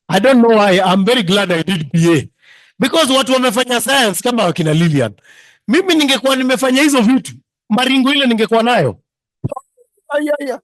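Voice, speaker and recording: A Kenyan man hosting an informal event through loudspeakers, playfully repeating his phrases and switching between English and Swahili. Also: extremely high pitch, no room sound, poor audio. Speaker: master of ceremonies. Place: live reunion gathering with a microphone.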